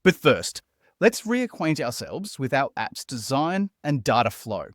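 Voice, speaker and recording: Here a man hosting a building tutorial talks in a bright, conversational voice-over that goes sing-song, his pitch roaming widely. His pace is measured, and the recording is close and dry, without any echo.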